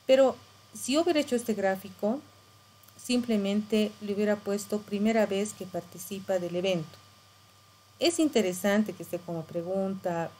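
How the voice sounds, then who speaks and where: A woman's voice: mid-range voice, dark tone, low-quality recording. Middle-aged lady teaching a lesson, patient, faint background hiss. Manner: patient, instructive, frequent tag questions. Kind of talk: screen-share tutorial lesson.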